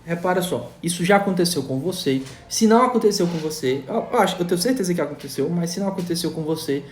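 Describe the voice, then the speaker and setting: A man's voice: high voice, expressive, fast talker, a little hiss or hum. A man explains psychology to an online audience in an emphatic, lecturing way. He keeps asking his listeners questions and checks in with them again and again. His voice rings out in a roomy, echoing space. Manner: emphatic, rhetorical questions, tags sentences with "tá?". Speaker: psychology educator. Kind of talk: live online talk to viewers. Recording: roomy echo.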